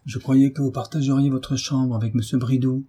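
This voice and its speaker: A man voicing a gentle, patient young wife who speaks softly and pleadingly, in his own reading voice. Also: medium pitch, level tone, moderate pace, husky, natural voice. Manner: soft, pleading.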